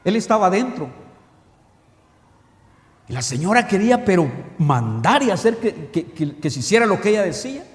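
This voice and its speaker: A man preaching a sermon, animated and full of rhetorical questions to the congregation. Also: sits high, normal speed, pauses often. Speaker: pastor. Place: church hall. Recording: echoey church hall with long reverb.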